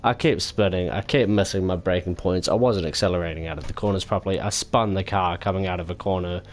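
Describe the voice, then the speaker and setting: A man's voice: deep voice, steady tone. Tired, rambling male sim-racing streamer. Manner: rambling, self-critical, halting with many fillers. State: sore and tired. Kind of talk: casual post-race wrap-up.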